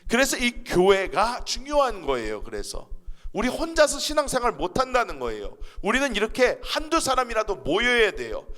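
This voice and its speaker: A man's voice: extremely high pitch, huge pitch swings, moderate pace, a bit bright. Emphatic male pastor preaching in a reverberant hall. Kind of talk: sermon. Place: church sanctuary.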